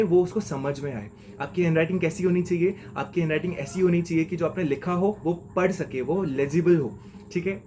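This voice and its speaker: A man's voice: a little high, a little mellow, a little hiss or hum. A young man giving a chatty, slangy lesson of exam tips as a mentor. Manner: chatty and slangy, keeps saying "okay?".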